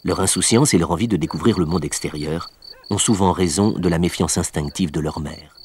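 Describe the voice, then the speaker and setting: Low-voiced man narrating a nature documentary. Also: darkish tone, slight background noise. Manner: measured, explanatory storytelling.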